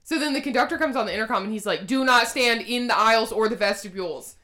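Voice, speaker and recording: A woman's voice: a little high, fast, sharp tone. A woman co-hosting a podcast, telling a travel story in casual chat and laughing often. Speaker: podcast co-host.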